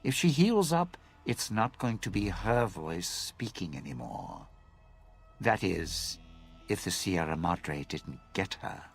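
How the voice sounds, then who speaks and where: An actor playing a bitter, vengeful lounge singer who schemes and sneers, in video game dialogue. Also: male voice, low voice, sing-song, creaky, husky, soft background music, full character voice. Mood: scheming. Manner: sneering, drawn-out, sly.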